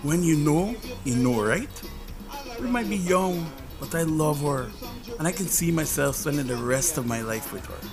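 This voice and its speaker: Man playing a gravelly-voiced, devoted young boyfriend. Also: on the high side, expressive, moderate pace, music in the background. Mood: earnest, polite. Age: young adult. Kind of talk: domestic drama acting.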